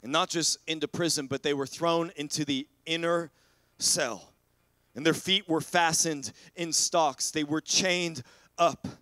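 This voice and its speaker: Earnest preaching man, slightly high voice. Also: steady tone, measured pace, sharp tone, no echo. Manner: earnest, repeats words while building momentum; calls out to the congregation. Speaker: pastor. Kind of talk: sermon.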